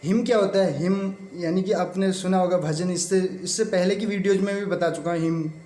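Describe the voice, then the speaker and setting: An Indian man teaching English literature for exam prep, explaining step by step, asking questions and answering them himself, and reading quiz items out slowly. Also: high voice, steady tone, mellow, reverberant. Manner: reads English quiz items slowly, mixing English terms into Hindi.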